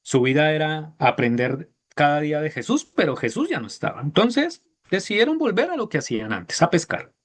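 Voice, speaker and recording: A man preaching a sermon, retelling a Bible story with lively, acted-out voices for the characters. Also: on the high side, moderate pace.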